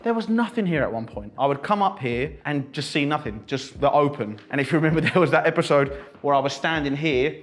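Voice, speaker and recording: A man's voice: a little high, expressive, brisk, hardly any pauses. A British man hosting a casual vlog tour of a building under renovation, talking in an enthusiastic, jokey, exclamatory way. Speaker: vlog host.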